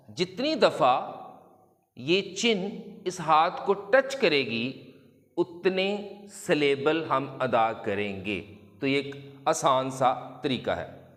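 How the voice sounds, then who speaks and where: A man teaching a lesson to children, explaining slowly and deliberately and drawing out example words. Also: mid-range voice, a bit bright, in a large hall. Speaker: English teacher.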